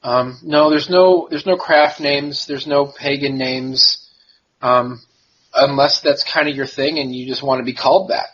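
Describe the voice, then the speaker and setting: A man answering as an interview guest, explaining things in a relaxed, easygoing, informal way. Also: mid-range voice, unhurried, a little hiss or hum. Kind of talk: casual explanatory chat. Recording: dull lo-fi sound.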